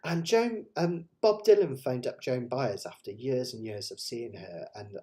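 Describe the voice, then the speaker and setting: In a mid-range, mellow voice, a West Country-accented man runs a live ukulele play-along, chatting casually with those watching. He's animated and unhurried, rambling enthusiastically while making fun of himself.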